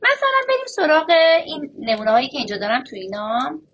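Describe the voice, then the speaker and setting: A young woman with a high, very lively voice explains how to teach first and last sounds to preschool children. She stretches the sounds out in a playful sing-song. A faint hiss sits under the recording. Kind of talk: phonics lesson for teachers.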